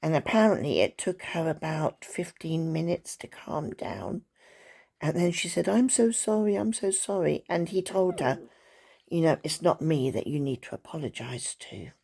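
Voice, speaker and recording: Gravelly low-voiced woman chatting. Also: animated, normal speed, a little mellow. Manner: chatty, rambling storytelling with asides to her dog. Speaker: vlogger. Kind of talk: casual chat to camera. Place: at home, indoors.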